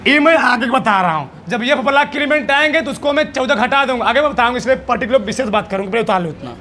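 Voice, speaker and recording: A man's voice: very high voice, animated, fast, bright, forceful tone. A male teacher giving a lecture, asking questions and answering them himself, repeating each answer to drill it in. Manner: quizzing, asks then answers his own questions; emphatic, drills answers by repetition. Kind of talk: classroom lecture.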